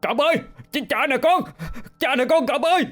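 A man voicing a desperate, violent middle-aged man in an audio ghost story, shouting in a strained voice. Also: very high voice, normal speed, faint music behind, pitched above the performer's own voice. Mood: pleading.

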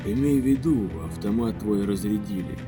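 A man voicing an unflappable hungover male guide who speaks slowly and calmly. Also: fairly low pitch, over music, lightly acted. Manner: slow, drawling and calm.

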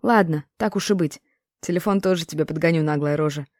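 A woman's voice: low voice, brisk, a little mellow, no echo, studio quality. A woman voicing a brash grown man who speaks in blunt slang and teases in an audiobook. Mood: teasing. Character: brash, rough-talking grown man, teasing.

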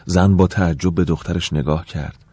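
A man narrating an audiobook in the first person, calm and measured, at times dropping to a soft whisper. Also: low-pitched, slightly rough, dry recording.

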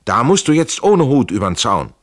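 A man's voice: medium pitch, big pitch swings, normal speed, pitched above the performer's own voice. A man doing a bold defiant fugitive soldier. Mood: resolute. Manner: forceful, blunt and commanding.

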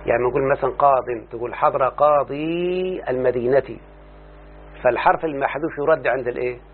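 A man's voice: medium pitch, steady tone. Egyptian man teaching over a tinny line. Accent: Egyptian Arabic. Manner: slow, deliberate, quizzing the student. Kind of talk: Arabic grammar lesson. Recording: tinny phone-like, faint hum.

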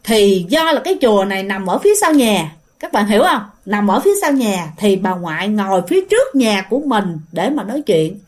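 A woman's voice: mid-range voice, very animated, a little fast, few pauses, a little mellow. A woman with a Southern Vietnamese accent telling a ghost story in a chatty, casual way, often speaking to her listeners directly.

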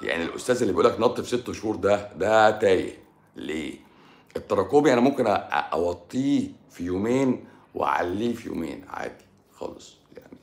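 Egyptian guy on a livestream, gravelly low voice, roomy echo, blunt and teasing. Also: animated, fast. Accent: Egyptian Arabic. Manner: blunt, teasing, drops to a mutter at times. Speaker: doctor answering viewers. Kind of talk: casual livestream talk. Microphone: livestream microphone.

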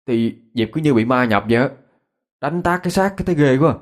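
A man voicing a nervous teenage schoolgirl friend, talking quick and anxious. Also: mid-range voice, lively intonation, voice pushed up, close to an everyday voice.

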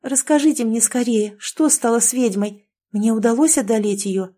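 A gentle, frightened young village girl speaks in a soft, raised voice, as a woman reads her lines. Her tone is mellow and hushed, close to a whisper, in the manner of a storybook read aloud. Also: a little high, normal speed, natural voice. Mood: earnest.

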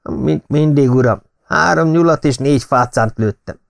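A man's voice: medium pitch, creaky, pitched above the performer's own voice, lightly acted. A man voicing a cool, self-satisfied young private secretary. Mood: smug.

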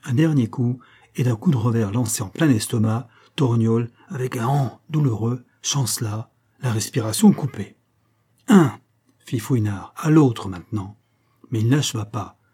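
Un homme qui lit un roman policier en livre audio, d'un ton dramatique et vivant. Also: male voice, medium pitch, moderate pace, mellow, slightly rough. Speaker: audiobook reader. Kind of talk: audiobook narration of a crime novel.

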